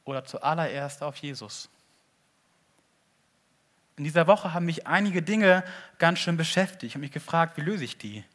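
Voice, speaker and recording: Earnest preacher man, fairly high voice. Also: lively intonation, moderate pace, pauses often. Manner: earnest, swings from loud appeals to hushed asides. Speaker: pastor. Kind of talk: sermon.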